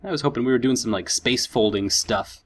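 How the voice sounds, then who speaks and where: A man's voice: medium pitch, fairly quick. A man hosting a let's play with casual commentary, thinking aloud and easily impressed. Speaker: gaming video host.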